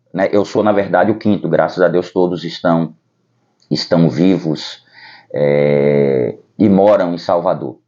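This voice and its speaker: Calm, low-voiced Brazilian priest. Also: male voice. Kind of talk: personal vocation testimony to camera. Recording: dull lo-fi recording.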